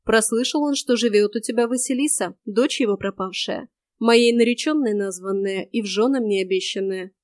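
A woman playing a gruff, solemn warrior hero. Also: on the high side, normal speed, no room sound, studio quality, close to an everyday voice. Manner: gruff, solemn, old-fashioned speech. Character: earnest bogatyr warrior man, gruff.

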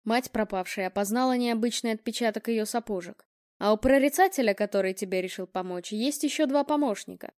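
A woman's voice: fairly high pitch, a little fast, darkish tone, no echo, clean studio sound, lightly acted. A woman voicing an elderly male investigator, wry and fatherly in tone. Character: old male retired investigator, wry and kind.

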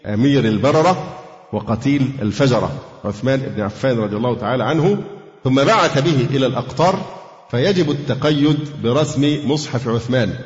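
A man with an Egyptian Arabic accent teaching a Quran lesson, explaining slowly, quizzing his students and chanting verses. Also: mid-range voice, a little mellow. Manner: slow deliberate explanation, quizzing students, recites verses melodically. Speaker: sheikh teaching Quran exegesis. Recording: dull, echoey lecture hall.

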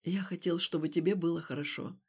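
A woman reading an audiobook, voicing a cold, manipulative young man who speaks flatly and breaks into shouting. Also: fairly low pitch, fairly quick, breathy edge, voice pushed down. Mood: cold, detached. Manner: flat and detached, then shouting.

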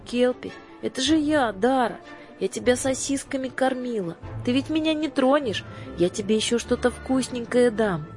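A woman reading aloud who voices a frightened girl, pleading in a trembling, high voice. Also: animated, moderate pace, darkish tone, soft background music, lightly acted.

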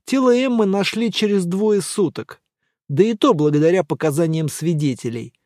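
A man reading an audiobook chapter in a measured, even narrating voice. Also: sits high, dry recording, studio quality. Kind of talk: scripted narration.

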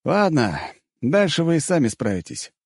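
In an audiobook, a man performs a friendly Mongolian hunter, speaking politely and unhurriedly in a full character voice pitched above his own. The voice is on the high side, very animated, a little mellow with a breathy edge, at normal speed, in clean studio sound with no room sound.

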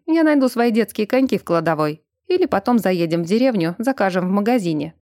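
A gruff, protective young man, read by a woman in an audiobook, blunt and bossy. The tone is dark and mellow, recorded dry and close. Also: medium pitch, expressive, a little fast, no room sound, natural voice. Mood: calm teasing.

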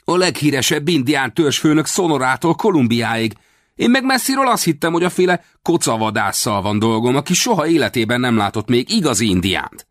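A man voicing an eager, cheeky young boy who chatters in a high, excited, boastful way in an audiobook. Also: no echo, clean studio sound. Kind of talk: audiobook character voice.

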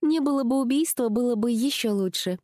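Weary young woman heroine, higher voice, plaintive, dry recording, read by a woman. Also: fairly quick, dark tone, no echo, close to an everyday voice. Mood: tired.

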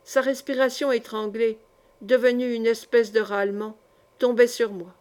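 A woman narrating a classic short story in a measured, dramatic way. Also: a little high, level tone, darkish tone. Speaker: audiobook reader. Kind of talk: literary narration.

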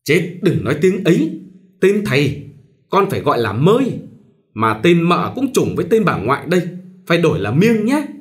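A man's voice: on the high side, wildly swooping pitch, normal speed, pitched above the performer's own voice. Man putting on a bossy old mother-in-law. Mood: instructing. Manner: scolding, bossy and pushy. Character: fussy old mother-in-law, domineering and superstitious.

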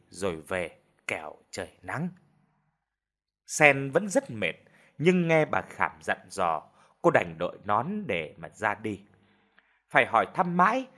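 A man narrating a ghost story in an expressive, scripted storytelling way. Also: medium pitch, slightly rough. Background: faint background music.

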